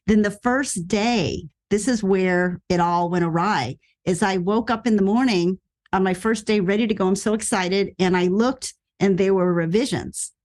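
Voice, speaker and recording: A middle-aged actress telling a story in a casual interview, acting out quoted lines with sudden jumps in pitch. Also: female voice, moderate pace, a little mellow. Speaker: actress and podcast guest.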